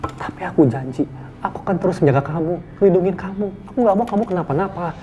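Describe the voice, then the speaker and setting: A man's voice: high voice, very fast, dark tone, dull audio, slight background noise, natural voice. A young actor playing a secretive boyfriend in a TV soap drama, pleading and irritable as he dodges questions. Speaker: young man who ran away from home.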